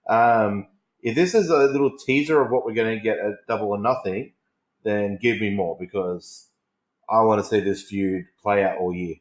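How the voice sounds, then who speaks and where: A man's voice: fairly low pitch, moderate pace. A man talking casually and enthusiastically as an informal fan on a wrestling podcast. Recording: roomy, echoing voice recording.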